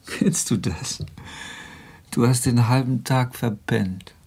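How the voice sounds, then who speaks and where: A brooding, hard-drinking man with a gravelly, husky voice. He talks bluntly and curtly, turning threatening when pushed. A 1980s radio play. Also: medium pitch, slow, darkish tone, heavily acted. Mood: soft.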